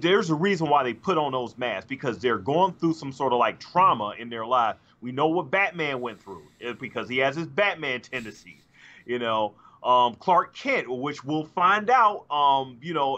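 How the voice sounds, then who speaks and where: With a bright, forceful mid-range voice and lively intonation at normal speed, a middle-aged man co-hosts a casual podcast, though he hesitates, restarts and uses many fillers. He's in a home room on a studio mic via video call, and the audio sounds dull and lo-fi.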